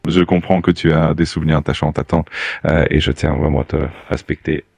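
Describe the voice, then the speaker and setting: AI assistant voice, male, calm, evasive, husky, very low. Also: a little fast, no echo, faint music behind. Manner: calm, overly polite, evasive, with hesitant "euh". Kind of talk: polite assistant replies.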